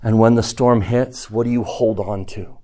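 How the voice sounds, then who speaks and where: A man teaching a scripture lesson to a group, asking his listeners questions in a slow, emphatic way. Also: lowish voice, steady tone, mellow. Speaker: church teacher.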